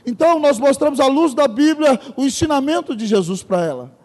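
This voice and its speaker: A pastor with an extremely high, slightly mellow voice preaches a sermon in a church sanctuary, talking a little fast and with animation. He tells stories emphatically and often addresses the congregation directly, while the hall adds a long reverb.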